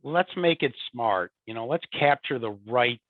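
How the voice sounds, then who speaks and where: The guest, a support and field services executive, has an expressive mid-range voice and a moderate pace, heard through tinny, dry, echo-free call audio. He chats conversationally, repeating himself and often tacking on "you know" and "right?".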